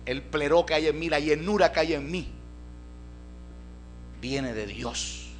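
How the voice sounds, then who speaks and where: A male pastor preaching a storytelling sermon in a church, folksy and animated, often calling his listeners brother. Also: a little high, measured pace, soft background music.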